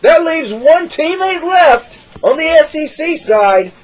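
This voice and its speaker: High-voiced excitable wrestling commentator, man. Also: slow, low-quality recording. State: losing his voice. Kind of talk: play-by-play commentary of a backyard wrestling match.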